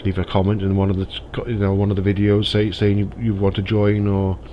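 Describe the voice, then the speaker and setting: In this casual gameplay commentary, a man plays a driving game and thinks aloud, his nose slightly blocked from a cold. His fairly low voice stays monotone at a slightly quick pace. The recording is muffled, with a little background noise.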